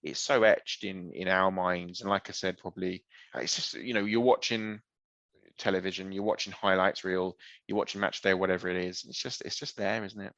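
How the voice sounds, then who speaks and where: A man's voice: low voice, steady tone, brisk, vocal fry, a bit bright, no room sound, lo-fi sound. A young man hosting a football podcast, chatting enthusiastically. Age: young adult. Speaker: podcast host. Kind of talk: casual podcast chat.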